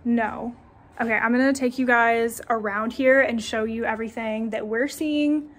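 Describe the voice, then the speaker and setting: A woman's voice: fairly high pitch, steady tone, moderate pace, slight background noise. A young woman hosting a paranormal vlog, talking in a chatty, jittery way inside an abandoned hospital. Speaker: vlog host. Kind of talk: casual paranormal vlog chat.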